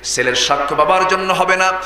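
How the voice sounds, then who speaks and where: A man's voice: high-pitched, brisk, pushed and bright, roomy sound, in a large hall. A man voicing a stern, upright judge of old within a sermon.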